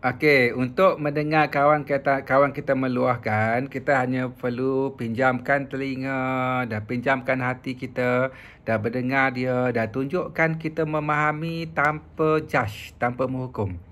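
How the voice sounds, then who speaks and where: A man's voice: medium pitch, steady tone, unhurried, a bit bright. A man, a professor talking casually about mental health and telling stories with frequent filler sounds. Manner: chatty, storytelling with filler sounds. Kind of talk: casual explanatory talk.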